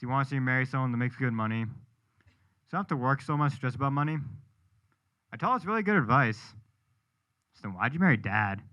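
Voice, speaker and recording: A man's voice: medium pitch, lively intonation, a little fast, long pauses, pushed and bright. A young man from New Hampshire doing a self-deprecating stand-up set at a live show. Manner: self-deprecating, punchline delivery. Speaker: stand-up comedian. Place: live comedy show with audience.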